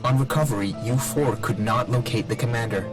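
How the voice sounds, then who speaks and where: A man's voice: medium pitch, a little fast, natural voice. A man voicing a damaged, malfunctioning combat robot. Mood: flat report. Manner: clipped, flat machine-like reports. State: malfunctioning, repeating system errors. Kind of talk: video game dialogue. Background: game music.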